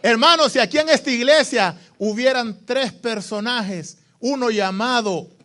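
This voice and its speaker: A male pastor with a Latin American Spanish accent preaching a sermon in a church, swinging from hushed passages to loud calls to the congregation. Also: very high voice, a little slow.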